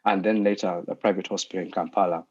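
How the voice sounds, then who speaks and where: Husky-voiced man on a video call. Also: sits low, steady tone, fast. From Uganda. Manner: hesitant, many fillers and restarts. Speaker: anesthetist and lecturer giving a talk. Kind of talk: online presentation. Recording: muffled video call audio.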